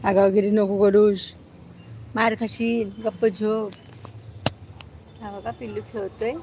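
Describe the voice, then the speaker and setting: A woman's voice: medium pitch, little pitch movement, slow pace, mellow, lo-fi sound, slight background noise. A woman hosting a casual live stream at home, cooing baby talk to her cat and dog and scolding them sharply. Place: outdoors at home near a gate.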